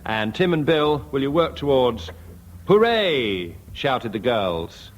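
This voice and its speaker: A man chairing a radio comedy panel game, announcing games and scores in a brisk, dry way. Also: mid-range voice, expressive, highs cut off. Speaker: quiz chairman. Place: radio studio with live audience. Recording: 1970s radio archive, noisy.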